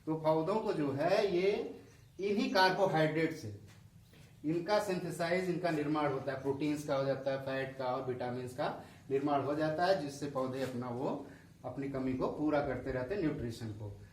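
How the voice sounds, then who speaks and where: A man's voice: fairly high pitch, moderate pace, a little hiss or hum. A male school science teacher with a Hindi accent, explaining a lesson and asking questions that he answers himself. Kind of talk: classroom lesson explaining diagrams. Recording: echoey room, voice a bit far from the mic.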